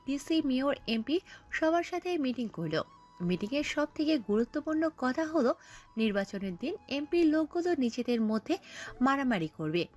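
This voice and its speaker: A woman narrating a scripted audio story, telling it in an expressive storytelling manner. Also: high-pitched.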